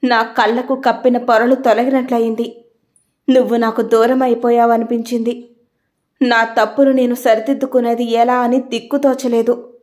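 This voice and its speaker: Picture a weeping older husband in an audiobook, begging his wife's forgiveness in an apologetic, pleading tone, read by a woman. He is voiced a touch higher than usual. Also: a little mellow, close to an everyday voice. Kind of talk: audiobook storytelling.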